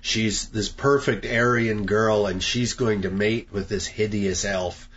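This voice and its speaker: A man's voice: lowish voice, a little slow. Laughing sarcastic man reviewing movies. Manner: laughing, sarcastic, animated retelling. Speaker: podcast co-host. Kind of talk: casual movie review chat. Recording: dull lo-fi podcast audio with faint hiss.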